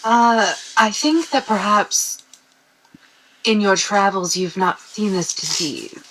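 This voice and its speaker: A woman voicing a calm, knowing female adventurer in a tabletop game, gently explaining. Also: mid-range voice, slow pace, background noise, lightly acted.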